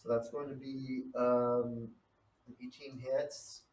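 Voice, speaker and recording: A man's voice: medium pitch, level tone, slow. A man acting as game master, narrating moves and calling out dice results in an informal, chatty way. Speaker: game master of a tabletop RPG. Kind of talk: casual tabletop game narration and rules talk. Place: echoey room. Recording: roomy, distant mic with faint noise.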